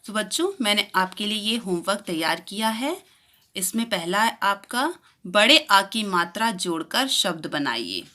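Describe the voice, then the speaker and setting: A woman teaching a children's lesson, slowly stretching out each sound so young pupils can repeat it after her. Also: mid-range voice, expressive, sharp tone. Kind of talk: primary school lesson.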